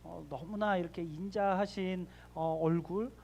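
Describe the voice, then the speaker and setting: A man's voice: high-pitched, fairly even intonation, a little slow, vocal fry, dark tone. A man giving a sermon to middle schoolers in a church, asking the young listeners direct questions and leading them in reading scripture aloud. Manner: leads the group in reading scripture. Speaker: youth pastor. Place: church sanctuary.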